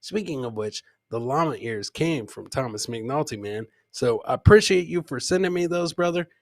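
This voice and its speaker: This middle-aged comedy livestream host has a gravelly mid-range voice with lively intonation and a moderate pace. He chats casually with viewers, reacts to clips, and keeps repeating phrases like a hype man. A close boom podcast mic or headset captures him with no echo.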